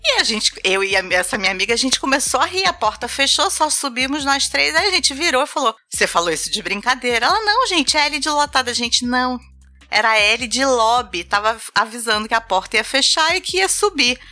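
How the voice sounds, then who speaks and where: Brazilian woman guest, bright and lively storyteller, does the voices, light music underneath. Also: a little high, a little fast. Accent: Brazilian Portuguese. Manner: animated, acts out voices and laughs while telling stories. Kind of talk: casual storytelling chat.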